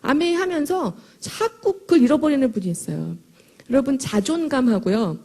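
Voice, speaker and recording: A middle-aged woman speaks to a crowd in a big hall, her slightly hoarse voice gravelly and husky. She talks in a chatty, emphatic way, joking with the audience. The tone sits on the higher side yet sounds mellow and dark. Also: expressive, normal speed. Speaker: motivational speaker at a sales event. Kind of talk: motivational talk to an audience. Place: large hall before a live audience.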